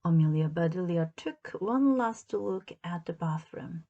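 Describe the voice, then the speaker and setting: A woman reading a children's story aloud as narrator, in a deliberate, expressive storytelling manner. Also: lowish voice, muffled recording. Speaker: storybook reader.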